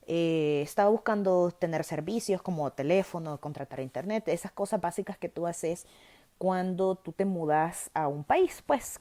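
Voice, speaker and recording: Salvadoran woman telling a story, mellow tone. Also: on the low side. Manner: animated, lively retelling with self-corrections. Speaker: podcast host. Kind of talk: personal storytelling.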